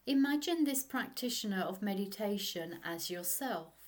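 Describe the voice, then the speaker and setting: A woman of medium pitch, expressive yet hushed, narrates a guided meditation in the gentle style of a sleep story. She takes her time and pauses at length.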